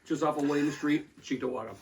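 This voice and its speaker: A man's voice: a little high, quick pace, gravelly, a little mellow, a little hiss or hum. A man co-hosting a casual pizza review podcast, often stammering and restarting his sentences.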